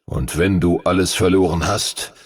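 A man voicing an ancient, gruff male dragon mentor who speaks slowly and gravely in a deep, stern voice. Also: steady tone, dry recording. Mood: ominous. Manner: stern, scolding, ominous.

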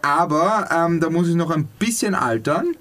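A man's voice: on the high side, animated, moderate pace, a bit bright. A man, a guest on a podcast, chatting casually, rambling, teasing and laughing a lot. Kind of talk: casual chat.

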